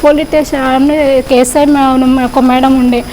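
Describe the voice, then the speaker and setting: A woman from Telangana with a Telangana Telugu accent, telling her own story in an interview in a halting, hesitant, plainspoken way. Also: sits high, flat delivery, warm tone, slight background noise, poor audio. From Telangana, India. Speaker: interview guest. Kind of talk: personal testimony in an interview.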